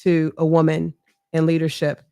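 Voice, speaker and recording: Her low, gravelly voice is dark yet clean in tone and nearly monotone as this middle-aged mayoral candidate talks candidly in an interview. She speaks with a strong voice, earnestly and reflectively, in a measured way with frequent "right?" tags, captured in a dry, studio-quality recording.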